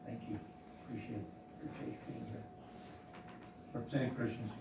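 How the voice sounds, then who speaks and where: A man chairing a committee hearing, calling testifiers in a brisk, procedural way. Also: mid-range voice, steady tone, gravelly, very noisy. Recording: echoey hearing room from far off.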